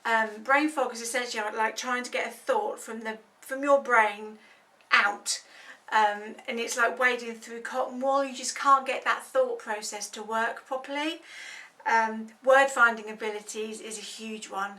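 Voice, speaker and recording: A woman's voice: on the high side, steady tone, unhurried, pushed and bright, distant mic. A woman giving an informal explanatory talk, conversational and full of personal examples and everyday comparisons, like a campaigner raising awareness.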